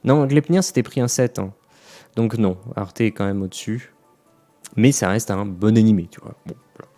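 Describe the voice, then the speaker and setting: A man's voice: on the low side, moderate pace, mellow, faint music behind. A man giving a casual, rambling spoken review of anime, talking straight to his viewers with lots of fillers and restarts. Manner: addresses viewers directly.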